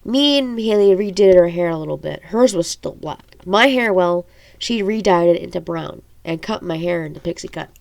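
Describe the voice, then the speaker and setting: With an allergy-stuffed nose, a woman narrates her own fantasy story as an amateur audiobook reader, informally and with occasional stumbles. She speaks at a moderate pace in a lowish voice with vocal fry and lively intonation.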